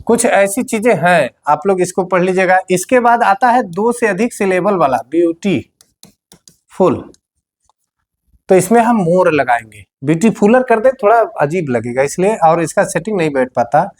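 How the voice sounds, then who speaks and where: A man's voice: high voice, animated, measured pace. A male teacher giving a board-exam grammar lesson, explaining patiently, repeating key words and speaking straight to his students.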